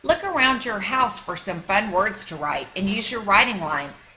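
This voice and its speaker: Reading a story to young children, this female kindergarten teacher uses an emphatic, expressive classroom style. She has a medium-pitched, sharp-toned voice, animated and at an ordinary pace, captured on a rough recording.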